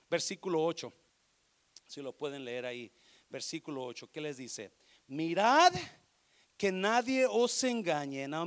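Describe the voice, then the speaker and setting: A man pastor preaching a sermon, emphatic and exhorting, often calling out questions to his congregation. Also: high-pitched.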